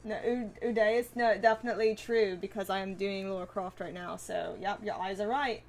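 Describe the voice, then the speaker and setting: A woman's voice: medium pitch, steady tone, moderate pace. A woman streamer chatting casually with viewers, reading and answering comments in a bubbly way, swearing freely and laughing often.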